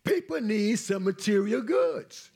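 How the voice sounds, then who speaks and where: Pastor, male, high husky voice, call-and-response sermon with big swings from loud to hushed. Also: expressive, measured pace. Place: church.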